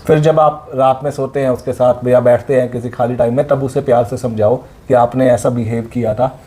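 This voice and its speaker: A man's voice: mid-range voice, fairly even intonation, a little fast, dark tone. A man co-hosting a vlog, explaining parenting tips earnestly and often checking in with "right?". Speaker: co-host, father. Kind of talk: casual parenting advice chat.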